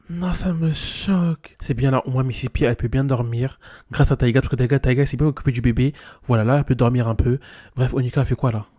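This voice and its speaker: A young man giving casual game commentary, animated and talking straight to his game characters with slang. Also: mid-range voice, quick pace. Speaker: gaming YouTuber.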